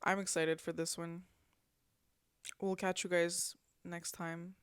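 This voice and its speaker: A young woman co-hosting a podcast, bantering playfully with quick teasing interjections. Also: fairly low pitch, little pitch movement, clean tone, no echo, clean studio sound. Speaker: podcast co-host. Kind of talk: casual chat.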